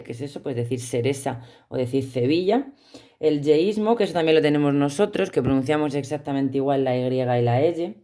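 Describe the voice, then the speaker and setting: A woman's voice: sits low, dark tone. A woman teaching a class with a Spanish accent from Spain, explaining step by step and checking in with her students. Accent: Spanish from Spain, not Andalusian. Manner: explanatory, checks in with frequent "¿vale?". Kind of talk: recorded remote class lesson.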